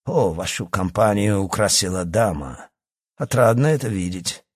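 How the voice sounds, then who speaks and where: A man's voice: on the low side, animated, normal speed, breathy edge. A man voicing a courteous, generous old baron in an audiobook. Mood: genial. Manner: courteous and warm. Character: genial wealthy old baron. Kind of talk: audiobook character voice.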